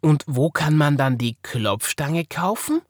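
Guy doing a high chirpy little austrian girl, curious and eager, storybook voice. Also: expressive, slow, no echo, studio quality.

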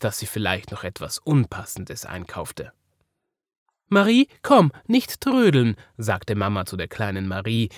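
Lively Austrian storyteller man. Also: lowish voice, no room sound, clean studio sound. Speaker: podcast storyteller. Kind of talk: children's story narration.

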